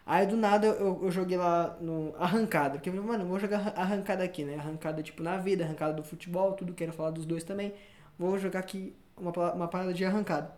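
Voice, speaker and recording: This young man's voice sits high and he talks fast, hosting a laid-back podcast with a Brazilian Portuguese accent. He's an animated, slangy storyteller who acts out what others said, recorded in an echoey space.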